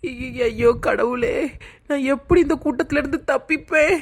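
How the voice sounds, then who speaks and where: A woman's voice: sits high, moderate pace, vocal fry, husky, exaggerated voice. A woman voicing a panicky middle-aged village mother-in-law, wailing and scolding her kidnappers. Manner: wailing, scolding, rambling complaints.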